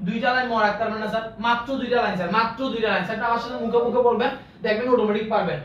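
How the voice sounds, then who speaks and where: A man's voice: very high voice, steady tone, very fast, slight background noise. A man teaching accounting in a live online class, playful and repetitive, drilling rules that the students recite with him. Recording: echoey, distant, dull lo-fi room sound.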